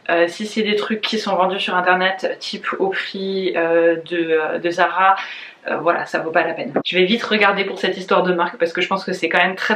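A young woman from France, chatting candidly in a casual try-on vlog, laughing often and filling pauses. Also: lowish voice, fairly bright tone. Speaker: fashion vlogger. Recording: echoey room, faint noise.

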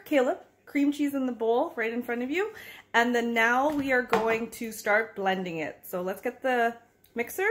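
A woman's voice: fairly high pitch, fairly bright tone. A woman filming and narrating a home cooking video in a kitchen, giving encouraging step-by-step guidance and praise. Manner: encouraging, repeats praise between steps.

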